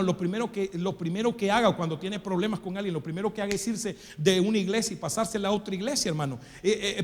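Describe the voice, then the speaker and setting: A Nicaraguan man preaching a sermon in a church, emphatic and constantly addressing the congregation as brother. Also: high-pitched. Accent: Nicaraguan Spanish. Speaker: pastor. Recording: long hall reverb.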